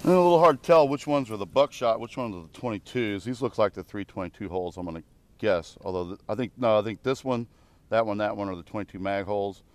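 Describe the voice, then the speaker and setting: Man explaining a gun outdoors, low voice. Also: fast. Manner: plain, matter-of-fact explaining with frequent uh and um. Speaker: firearms demonstrator. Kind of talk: casual outdoor demonstration. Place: outdoor shooting range in open field. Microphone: camera mic on tripod.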